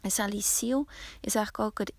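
A woman podcast host telling a folk tale slowly, often dropping to a hush. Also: mid-range voice, steady tone, creaky, no room sound. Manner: slow, hushed, often whispering. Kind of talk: storytelling narration.

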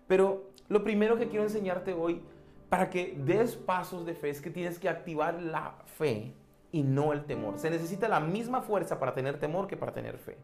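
A man's voice: high voice, a little mellow. A man, a pastor, preaching a sermon and telling a personal story in an earnest way, repeating key phrases.

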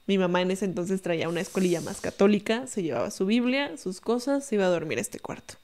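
A young adult woman with a Mexican accent, telling a story in a casual, animated way and acting out other people's voices. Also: medium pitch, fast. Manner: animated, tags lines with "¿no?", acts out quoted voices. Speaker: podcast guest storyteller.

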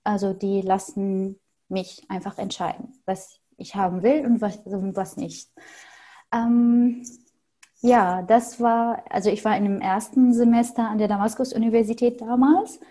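A woman's voice: mid-range voice, fairly even intonation, unhurried, warm tone. A woman, answering interview questions thoughtfully and with frequent hesitations. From Syria. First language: Arabic. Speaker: interview guest. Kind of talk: conversational interview.

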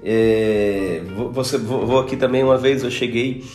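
A Brazilian man with a Brazilian Portuguese accent hosting a casual podcast, chatty and animated when telling anecdotes. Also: medium pitch, a little slow. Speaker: podcast host. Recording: roomy echo with faint guitar music.

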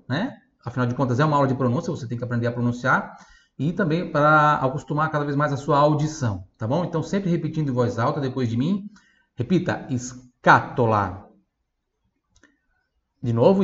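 A man teaching Italian pronunciation on a podcast, spelling out words and repeating them slowly for listeners to copy. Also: medium pitch, a bit bright, reverberant. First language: Portuguese. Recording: slightly dull lo-fi audio.

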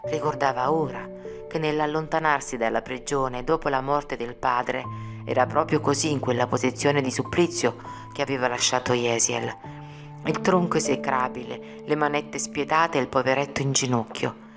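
A woman narrating an audiobook in a measured, solemn reading. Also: very deep voice, steady tone, creaky. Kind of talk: scripted narration. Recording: music playing behind. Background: music.

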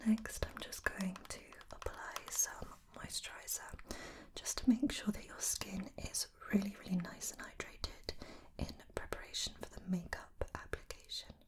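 A woman in a whispered role-play as a make-up artist, in a soft, breathy, layered whisper with a gentle, attentive manner. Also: medium pitch, fairly even intonation, moderate pace. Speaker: ASMR host playing a make-up artist.

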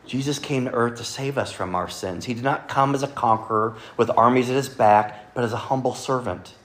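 A man preaching a Sunday sermon to a congregation, earnestly quoting scripture and often dropping to a soft, quiet delivery. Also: mid-range voice, a little fast. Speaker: pastor. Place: church service with congregation.

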